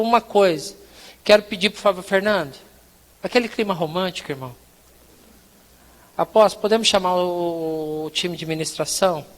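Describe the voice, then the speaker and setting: A man with a Brazilian Portuguese accent preaching a sermon, telling a personal story with acted-out dialogue. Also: high voice. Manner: animated storytelling, acts out dialogue with God and his wife. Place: large church hall. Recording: reverberant church hall.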